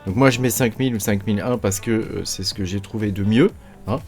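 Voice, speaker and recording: A man's voice: fairly low pitch, fairly quick, a little mellow, soft background music. Chatty French-speaking man, screen tutorial. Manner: chatty, filler-heavy, addresses viewer as tu with frequent hein. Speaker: crypto mining YouTuber. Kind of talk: casual screen-share tutorial.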